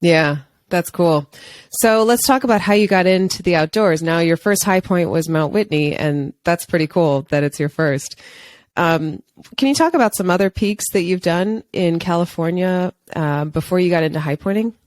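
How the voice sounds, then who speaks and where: A woman's voice: lowish voice, normal speed, dry recording. Upbeat woman podcast host. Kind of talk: casual interview.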